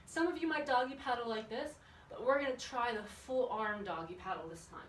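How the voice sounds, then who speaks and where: With a fairly high pitch and a slightly fast delivery, the woman runs a children's exercise and yoga session, encouraging the kids and asking them questions while instructing. The audio has echo, a distant mic and noise in the background.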